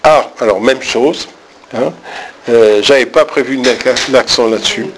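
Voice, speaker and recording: A man gives a French diction and text-reading lesson, explaining where stress belongs and acting out lines with heavy emphasis to demonstrate it. He speaks in a mid-range voice at a measured pace, and the rough recording carries a little hiss or hum.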